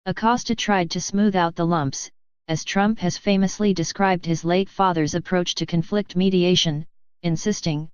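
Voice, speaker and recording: A woman reading scripted news narration in an even, measured way. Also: on the low side, clear, resonant tone, no echo, muffled recording.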